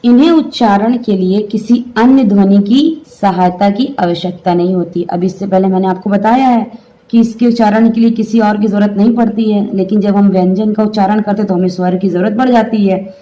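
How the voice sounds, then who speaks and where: Mellow-voiced woman teaching a grammar lesson. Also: medium pitch, normal speed, poor audio. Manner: explains step by step, asks students to repeat sounds aloud.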